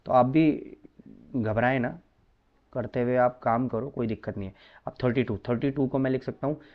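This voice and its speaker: A man's voice: medium pitch, normal speed, dull audio. A man teaching a maths lesson in a chatty, coaxing way, often addressing students as brother.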